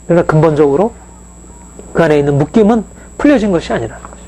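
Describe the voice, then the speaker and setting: A man's voice: a little high, expressive, fast, mellow, rough recording. A male pastor giving a conversational sermon, with frequent fillers and rhetorical questions to the congregation.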